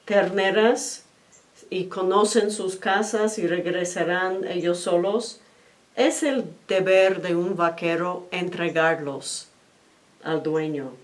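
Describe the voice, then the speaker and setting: A woman voicing a calm, wise male spiritual teacher in a told story. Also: fairly low pitch, takes it slowly.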